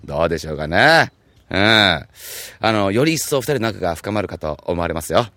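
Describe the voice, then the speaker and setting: Lively, animated male radio host. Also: low-pitched, a little fast, no room sound. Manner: polite, conversational, lightly joking. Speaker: radio show host and reporter. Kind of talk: chatty radio presenting and interviewing.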